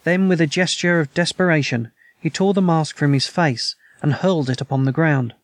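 A man narrating a classic detective story in a measured, even storytelling manner. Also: fairly high pitch, dry recording. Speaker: audiobook narrator. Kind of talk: scripted narration.

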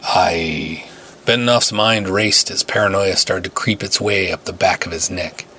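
A man reading his own adventure story aloud in a steady, dramatic narration. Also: sits low, moderate pace.

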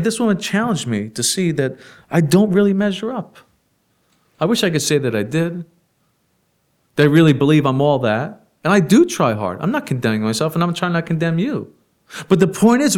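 A man preaching a sermon in a conversational way, asking the congregation rhetorical questions and laughing softly now and then. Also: fairly high pitch.

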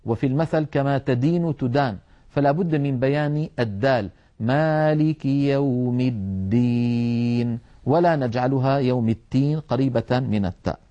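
A middle-aged man teaching Quran recitation in a televised lesson, explaining deliberately and demonstrating how letters should sound. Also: medium pitch, warm tone, lo-fi sound.

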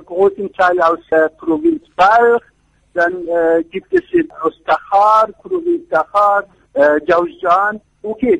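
Guesting on a radio interview, an Afghan architecture professor gives halting answers, hunting for words in a second language. His high, gravelly voice has a fairly bright tone, and the recording quality is low.

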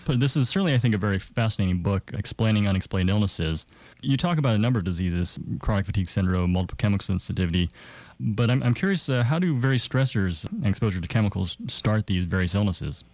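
A man's voice: fairly low pitch, expressive, fast, darkish tone, no echo. A man hosting a science radio show, presenting topics and questions in a curious, engaged, explanatory way. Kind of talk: presenting science news and introducing a guest.

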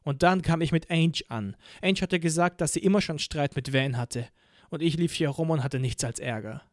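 A man reading a novel aloud in first person, expressive and acting out the dialogue. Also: a little high, normal speed, no room sound, studio quality. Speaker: audiobook narrator. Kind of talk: scripted first-person narration.

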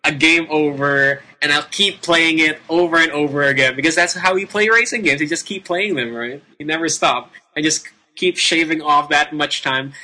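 Very bright-voiced Filipino man hosting casually. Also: a little high, low-quality recording. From Philippines. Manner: rambling, emphatic, repeats words for emphasis. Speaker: video game show host. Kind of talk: casual, unscripted game commentary.

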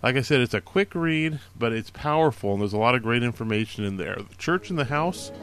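A man's voice: mid-range voice, expressive, a little fast, a bit bright, faint music behind. A man hosting a casual show, recommending books in an earnest, encouraging way, with many fillers and restarts. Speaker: podcast host recommending books. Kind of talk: casual spoken book recommendations.

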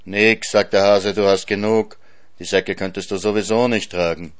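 A man's voice: on the low side, steady tone, normal speed, natural voice. A man voicing a sly, teasing male hare in a storybook reading, coaxing and crafty.

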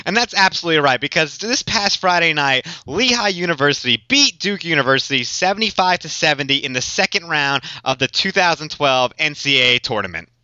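A young man hosting a casual sports podcast, joking and animated as he tells the story. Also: a little high, fairly quick, hardly any pauses, dry recording. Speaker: podcast host. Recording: dull lo-fi podcast recording, dry.

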